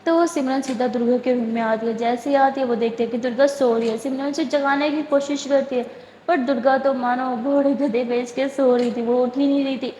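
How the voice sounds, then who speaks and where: A woman's voice: high-pitched, steady tone, mellow, a little hiss or hum. A woman telling a love story in a casual, chatty way with the filler "نا", recorded in an echoey room. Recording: echoey room with long reverb.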